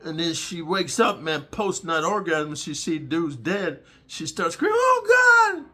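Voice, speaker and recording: Bright-voiced rambling male storyteller. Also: measured pace. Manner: crude, rambling, peppered with "dude" and "bro"; jumps into high squeaky voices for quoted people. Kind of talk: casual storytelling monologue.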